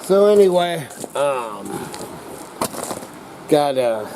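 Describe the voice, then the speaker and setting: A middle-aged or older man with slightly slurred speech, rambling casually to camera as a vlogger in a halting, folksy, coarse-mouthed redneck way. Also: fairly high pitch, very animated, background noise. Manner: halting, drawn-out, searching for words.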